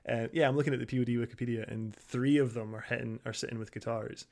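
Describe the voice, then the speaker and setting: A man's voice: mid-range voice, steady tone, fast, creaky, a little mellow. A man in his thirties co-hosting a podcast in casual chat, informal, sweary and self-deprecating. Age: 30s. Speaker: podcast co-host.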